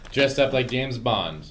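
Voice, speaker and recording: A man's voice: mid-range voice, lively intonation, slow, heavy background noise. A man co-hosting a podcast and running a comedic debate segment with a teasing manner. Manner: teasing, jokey. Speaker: podcast co-host and moderator. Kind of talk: casual comedic chat.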